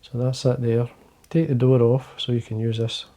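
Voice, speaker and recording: With a level tone and a moderate pace, an older Scottish fly-fishing host talks casually to the camera from his indoor fly-tying desk. He's low-voiced, quiet, gravelly and mellow, drifting through his points with plenty of fillers and false starts.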